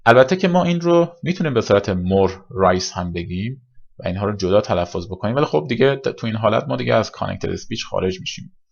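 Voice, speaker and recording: A man teaching English pronunciation in a recorded lesson, explaining step by step and repeating examples slowly. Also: on the low side, lively intonation, gravelly, slightly rough, lo-fi sound.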